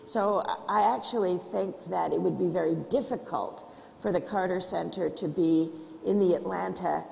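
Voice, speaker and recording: A woman speaking on a panel in a measured, reflective way about her organization. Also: on the low side, gravelly, a little mellow, a little hiss or hum. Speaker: panelist, nonprofit leader. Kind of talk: panel discussion. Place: lecture hall. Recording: reverberant hall, faint ambience.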